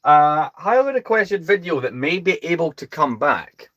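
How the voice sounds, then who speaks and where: A man from the UK with a British accent, hosting a casual livestream in a calm, soothing voice and a rambling, chatty, self-deprecating manner. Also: a little high, normal speed, muffled recording. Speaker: host.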